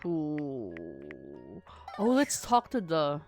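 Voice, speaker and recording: A woman's voice: on the low side, animated, moderate pace, a bit bright, soft background music. A woman streaming a game with casual, playfully grumpy and blunt commentary. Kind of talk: casual gameplay commentary, reading and reacting.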